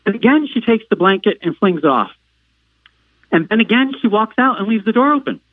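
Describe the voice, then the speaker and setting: Rich: A man with a somewhat high voice recounts a personal ordeal in a slow, halting way, full of "uh" fillers and restarts. He sounds squeezed through a narrow, phone-like line with no room sound around him. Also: expressive, dry recording. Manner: halting, filler-heavy retelling; acts out quoted lines with sudden loud outbursts. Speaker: podcast guest. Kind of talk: personal storytelling.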